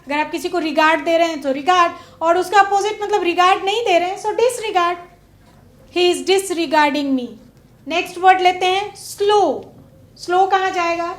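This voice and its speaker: A woman with a very high voice leads a classroom lesson. She questions her pupils and lingers over each example word. The room around her echoes. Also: fairly even intonation. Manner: slow, drawn-out stress on example words; asks pupils questions and waits. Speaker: teacher. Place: studio classroom.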